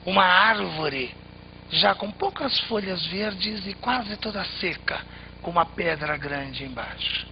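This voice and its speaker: A man telling a traditional tale with expressive, dramatic pauses. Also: sits high. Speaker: storyteller. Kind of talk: oral storytelling. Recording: slightly muffled, faint background noise.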